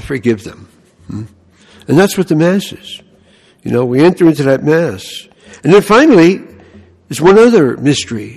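An older man from the Bronx with a New York accent, a priest giving an animated sermon and telling stories, often asking "huh?" and "you know". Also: on the high side, creaky, long reverb tail.

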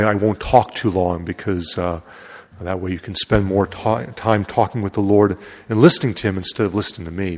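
Male priest, low voice, cathedral echo, long reverb, church preaching and scripture reading. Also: a little mellow. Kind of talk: Gospel reading and homily. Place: large echoing church.

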